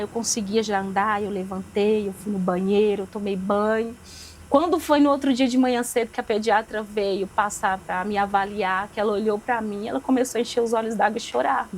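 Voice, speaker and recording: A woman's voice: medium pitch, slight background noise, rough recording. A young woman giving a religious testimony as a podcast guest, repeating phrases for emphasis and acting out the dialogue she recalls.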